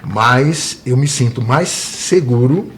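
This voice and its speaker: A man's voice: mid-range voice, takes it slowly, a little hiss or hum. Earnest Brazilian man, tour guide. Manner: earnest, frequent tag questions. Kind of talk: interview guest.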